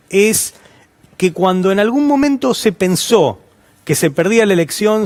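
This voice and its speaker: An Argentine man with a Rioplatense accent, a guest professor answering interview questions, halting with many restarts and fillers. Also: fairly high pitch. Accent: Rioplatense Spanish.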